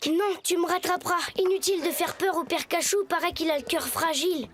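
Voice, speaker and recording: A woman voicing a gentle, anxious young boy who has become a monster in a children's cartoon. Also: very high voice, fairly quick. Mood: worried. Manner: plaintive, worried, expressive. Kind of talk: French children's cartoon dubbing. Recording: music behind the voice.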